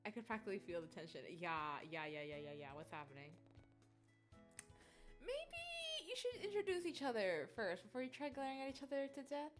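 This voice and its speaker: A woman streams a game live, giggly and playful as she reads the text aloud and reacts. Her voice sits a little high and swings widely. Soft music plays beneath her. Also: wildly swooping pitch, brisk.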